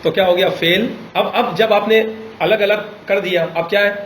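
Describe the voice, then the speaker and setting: A man's voice: high-pitched, fairly even intonation, a bit bright, echoey room, slight background noise, low-quality recording. A male teacher leading an Arabic grammar class, patiently correcting and quizzing his students.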